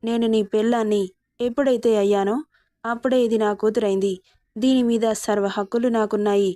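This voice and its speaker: A woman's voice: a little high, steady tone, fairly quick, mellow, no room sound, studio quality, lightly acted. A woman voicing a scheming, greedy stepmother in a storybook reading, speaking sharply and with threats. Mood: threatening.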